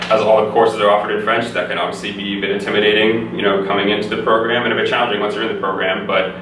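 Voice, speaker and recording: Low-voiced and flat, a young Canadian man rattles off his answers at a fast, even pace, sounding like a relaxed student in an interview. English is his native language, and he's a guest who studies physiotherapy. The mic sits far from him, so the sound is very reverberant with clear noise behind.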